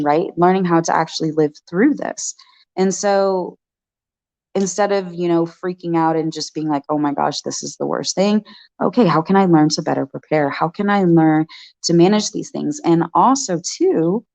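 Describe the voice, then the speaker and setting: A woman's voice: medium pitch, darkish tone. Chatty woman vlogging to her viewers. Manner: chatty, with frequent "y'all" and "right?" asides. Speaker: farm owner and dog breeder vlogger. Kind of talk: casual vlog talk to viewers.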